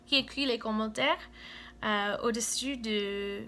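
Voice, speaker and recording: A woman with a Cameroonian-American accent speaks slowly in a fairly high voice, stopping often to hunt for words. She addresses her viewers in a friendly, self-deprecating tone. A faint hum sits behind her. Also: fairly bright tone. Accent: Cameroonian-American French. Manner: hesitant, searching for words, many fillers. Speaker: vlogger. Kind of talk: casual chat to viewers. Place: home.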